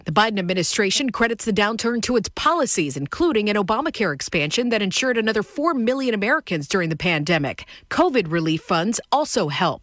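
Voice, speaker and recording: A female news reporter delivers a scripted report with a lively, moving intonation. The sound is dry and studio-like. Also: medium pitch, fast talker, few pauses, dry recording.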